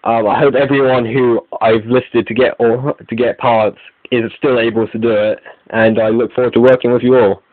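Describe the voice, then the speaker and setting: A male host reads scripted announcements in an online video update, speaking at normal speed in a medium-pitched voice with little pitch movement. There's no room sound, and the audio comes across as phone-like, narrow and lo-fi.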